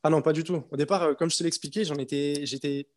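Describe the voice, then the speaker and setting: A man's voice: on the high side, steady tone, quick pace, darkish tone. A man in his twenties, an interview guest, telling his story in a casual, hesitant way with many fillers and restarts. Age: 20s.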